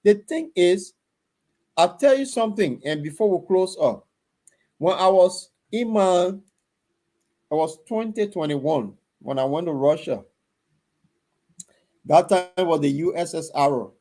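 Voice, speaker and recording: A man's voice: high-pitched, animated, a little slow, pauses often, mellow. A middle-aged Liberian man hosting a casual discussion, telling blunt anecdotes in a Liberian English accent.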